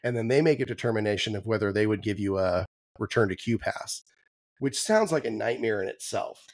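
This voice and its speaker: A man co-hosting a podcast, chatting casually with frequent ums and restarts, his voice going hoarse. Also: on the low side, a little fast, dry recording. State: losing his voice. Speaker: podcast co-host. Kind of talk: casual chat.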